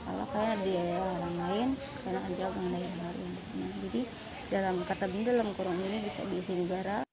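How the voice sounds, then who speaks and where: A woman with a mid-range, gravelly voice teaches a Japanese lesson online at a quick pace over a noisy crowd, in a lo-fi recording with steady background noise. Explaining sentence patterns, she patiently repeats and rephrases, using frequent fillers.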